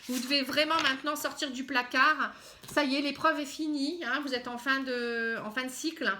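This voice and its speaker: A woman giving a casual tarot reading to camera, halting, with many fillers and a frequent "hein". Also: sits high, fairly even intonation, bright, forceful tone, slight background noise. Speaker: tarot card reader.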